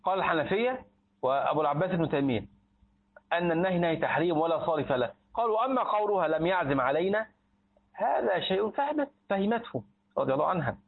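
A man with an Egyptian accent gives a religious lesson on a hadith text, often posing a question and answering it himself. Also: on the high side. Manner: asks rhetorical questions and answers them himself. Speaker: Islamic teacher explaining a hadith text. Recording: tinny phone-like recording.

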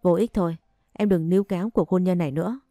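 A weary young husband from an audio story, cold and fed up, as a woman reads him. The voice is low and warm, with a dry close sound and faint music. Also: fast talker, no echo, close to an everyday voice.

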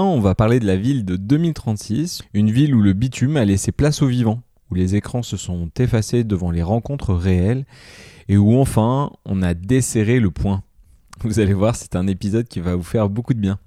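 A man with a French accent hosting a podcast, reading a lively intro and then asking questions in halting English. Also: lowish voice, dry recording, clean studio sound. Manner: enthusiastic, hesitant when speaking English. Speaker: podcast host. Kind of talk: scripted podcast intro and interview.

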